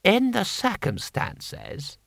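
Man putting on a menacing imperial lord, slow and haughty, higher and airy, dry sound. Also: huge pitch swings, vocal fry, fairly bright tone, dry recording, heavily acted. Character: cold scheming older male imperial lord.

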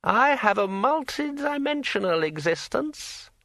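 A man voicing a pushy talking magic sword in a high, ringing, drawn-out voice. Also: sing-song, pushed and bright, dry recording, clean studio sound, exaggerated voice. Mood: bossy. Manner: slow and drawn out.

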